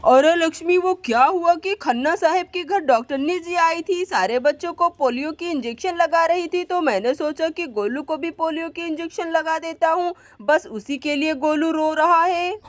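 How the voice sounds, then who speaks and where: A woman's voice: very high-pitched, moderate pace, hardly any pauses, no room sound. A woman voicing Vivek, a grumbling, tired village father, in a doll story. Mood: explaining. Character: Vivek, a fussy village father, adult man.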